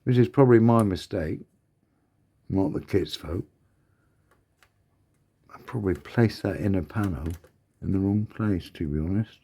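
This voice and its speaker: A man's voice: low-pitched, a little slow, long pauses, mellow. A man building a scale model kit, mumbling and thinking aloud to himself in a casual commentary to his viewers.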